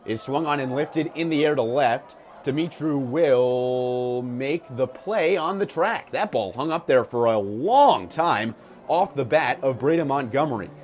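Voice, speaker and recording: Unhurried and a little mellow, this medium-pitched American man brings lively intonation to live baseball play-by-play on the radio. Punchy, clipped calls mix with asides full of stats, and clear ballpark sound runs underneath.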